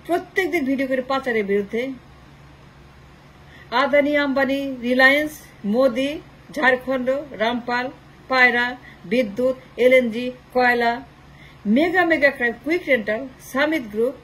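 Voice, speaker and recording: A woman's voice: high-pitched, a bit bright, slightly rough, poor audio. A woman from Bangladesh, giving an impassioned political commentary monologue, piling up long rhetorical lists of short phrases and slipping English phrases in. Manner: slips English phrases into her talk.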